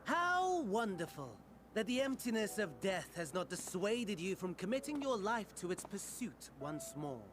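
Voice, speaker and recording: High-voiced, courtly scheming villain. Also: male voice, big pitch swings, music in the background. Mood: mocking amusement. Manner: mannered, silky formal phrasing with dramatic pauses. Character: scheming theatrical male villain, courtly, mocking, morbidly delighted. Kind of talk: dramatic video game voice acting.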